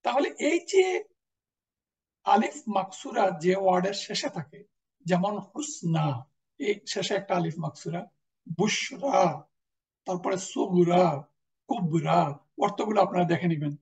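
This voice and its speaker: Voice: mid-range voice, animated, a little slow, pauses often, darkish tone. A teacher, patiently explaining grammar and repeating each example word. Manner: patient explanation, repeats example words, mixes in English terms. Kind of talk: classroom lecture. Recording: voice distant from the mic.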